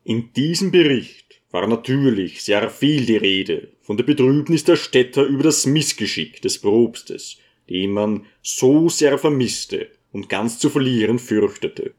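A male audiobook narrator with a calm, measured delivery. His voice sits in a middle register and moves through the story steadily. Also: mid-range voice. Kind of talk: scripted narration.

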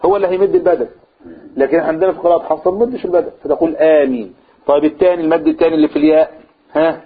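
A man's voice: a little high, fairly even intonation, rapid-fire. A man with an Egyptian Arabic accent teaching a religious lesson to a group. He asks the room questions and answers them himself, and he draws out vowels to demonstrate recitation. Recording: husky, phone-like lo-fi recording.

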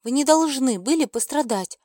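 A woman's voice: sits high, animated, moderate pace, mellow, no echo, clean studio sound, voice pushed up. Woman doing a cheeky, mocking young girl. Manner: sarcastic, cheeky.

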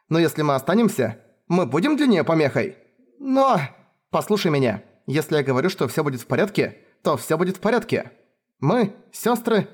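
A protective young girl who insists that everything will be fine, her voice raised high, as a man voices her in a storybook reading. Her pitch rises and falls with lively emphasis. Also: slightly rough. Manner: earnest, insistent reassurance. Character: middle sister, young girl, stubborn and protective.

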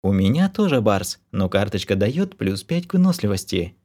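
A man voicing a sharp young female warrior in an audiobook, crisp and reproachful. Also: fairly low pitch, big pitch swings, normal speed.

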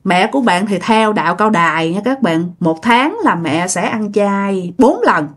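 A woman with a Southern Vietnamese accent recounts a ghost story in an unhurried, expressive way. Her medium-pitched voice is slightly rough, and her tone stays chatty as she speaks straight to the audience.

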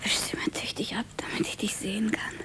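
An actress playing a gravely ill woman who speaks softly and weakly, mostly in a whisper, in a German radio play. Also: brisk, lightly acted. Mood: tender weak. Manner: soft, weak, mostly whispered.

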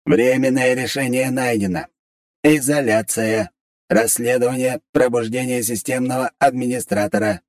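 Booming metallic robot, loud clipped machine announcements, raised voice, dry close sound, as a man puts it on. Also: moderate pace, vocal fry, no echo, close to an everyday voice. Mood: announcing. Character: booming metallic robot guardian, huge and stern. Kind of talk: audiobook character reading.

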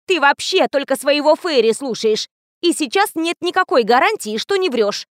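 A woman voicing a sharp-tongued young female student who speaks harshly. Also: sits high, lively intonation, moderate pace, no room sound, studio quality, voice pushed up. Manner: harsh, cutting.

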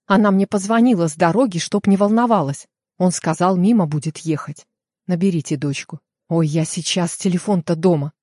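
A frantic middle-aged village mother in an audiobook, as a woman reader puts her on, pleading and worried. Husky, somewhat low voice, close and dry. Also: moderate pace, mellow, no room sound, close to an everyday voice. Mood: anxious. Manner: anxious, pleading.

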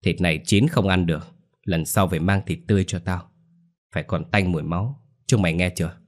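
A man's voice: deep voice, steady tone, brisk, natural voice. Man putting on a ghoulish cursing old granny. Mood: snarling. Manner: screaming curses, snarling. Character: ravenous foul-mouthed old grandmother, possessed and ghoulish.

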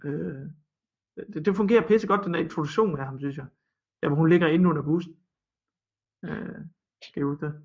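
Chatty man with a higher voice. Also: vocal fry, long pauses, a little mellow, dull audio. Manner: chatty, tags remarks with questions. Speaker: podcast co-host. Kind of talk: casual film chat.

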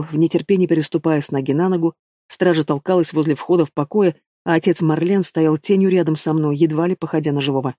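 A man reads an audiobook aloud in a steady narrating manner. His voice sits fairly high for a man, and the recording is close and dry. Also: no room sound. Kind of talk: scripted narration.

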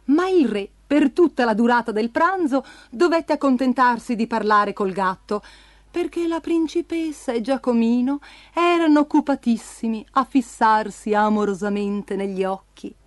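A woman narrating a fairy tale aloud in an expressive storybook reading. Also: a little high, normal speed, dry recording.

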